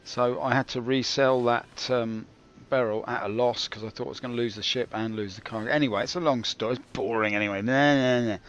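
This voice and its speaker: A man's voice: medium pitch, steady tone, a little fast, few pauses, a bit bright, lo-fi sound. A man hosting a gaming video with rambling, self-mocking, dryly comic commentary. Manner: dry, self-mocking, digressive.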